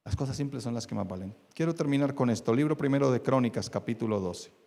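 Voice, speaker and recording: A man's voice: medium pitch, animated, fast, gravelly. Preaching man in a reverberant church. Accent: Colombian Spanish. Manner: preaching with rising intensity, then quieter and confiding. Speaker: pastor. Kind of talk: sermon. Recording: long church hall reverb.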